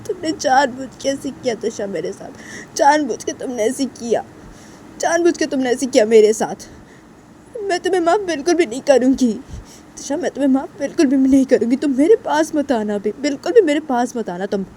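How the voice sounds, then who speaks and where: A woman's voice: high voice, animated, brisk, mellow, slight background noise, voice pushed up. A woman voicing a hurt young woman who cries and scolds with repeated questions. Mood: tearful furious. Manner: sobbing, repetitive scolding questions. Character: hurt, tearful young woman, angry and unforgiving.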